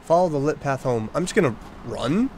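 A man's voice: on the high side, lively intonation, fairly quick, darkish tone, a little hiss or hum. Jumpy young man on horror commentary. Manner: jokey, jumpy, exclaims when startled. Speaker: gaming YouTuber. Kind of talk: horror game let's play commentary.

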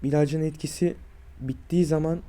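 Give me a sick, drained man in his twenties vlogging about his health, with a very dark, muffled tone and a weak, strained, halting voice. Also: on the high side, fairly even intonation. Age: 20s. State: sick and drained with fever and aches. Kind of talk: personal health vlog, speaking to viewers.

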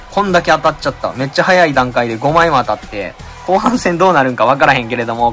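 A man with a Kansai accent chatting casually as he opens card packs, reading out each card and crying out in excitement at good pulls. His voice has been a little out of shape lately. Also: medium pitch. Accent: Kansai Japanese. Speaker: channel host. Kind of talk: casual card-pack opening commentary.

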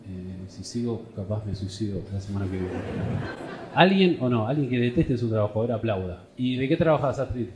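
A man's voice: on the low side, lively intonation, brisk, noisy background. A man with a Rioplatense accent, a stand-up comedian teasing the crowd and chatting in his vlog. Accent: Rioplatense Spanish. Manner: teasing, joking, laughing often. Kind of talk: crowd work and casual vlog chat.

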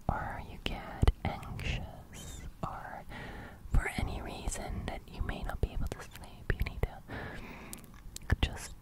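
Soft, slow reassurance comes from a young woman whispering in an ASMR roleplay right up against a large studio microphone. Her breath crackles, and the whisper sometimes turns into quiet speech.

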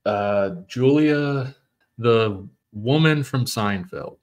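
A man's voice: mid-range voice, drawn-out words. A man co-hosting a podcast, chatting casually and meandering as he searches for words. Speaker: podcast co-host. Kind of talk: casual chat.

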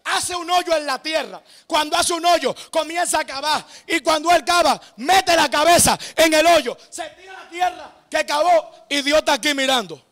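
Shouting high-pitched preacher. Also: male voice, moderate pace, hardly any pauses. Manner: animated storytelling, shouting emphatic lines. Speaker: evangelist preacher. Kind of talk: sermon. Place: church service.

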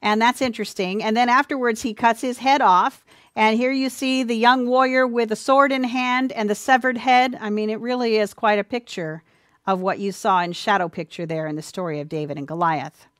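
A woman giving an earnest, sermon-style Bible teaching, speaking warmly to listeners as dear ones, with a few ums and restarts. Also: a little high, steady tone, moderate pace, dry recording, clean studio sound. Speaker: presenter of a church teaching.

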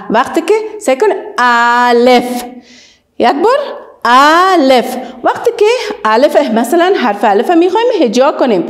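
Animated woman teaching kids letters. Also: sits high. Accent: Afghan Dari. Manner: sing-song, drawn-out model words, praising. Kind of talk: children's alphabet lesson.

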